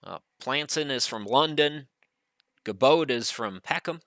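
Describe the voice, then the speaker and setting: Male play-by-play commentator, middle-aged, bright tone, close and dry, chatty remote caller. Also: mid-range voice, a little slow, dry recording. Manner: relaxed, chatty, frequent "uh" fillers. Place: home studio.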